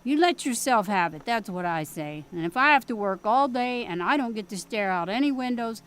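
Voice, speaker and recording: On the higher side and a bit bright, this actress's clean voice is expressive and a little fast. In a period audio drama she plays a pushy, folksy small-town mom, using a Midwestern American accent. She sounds plain-spoken and scolding.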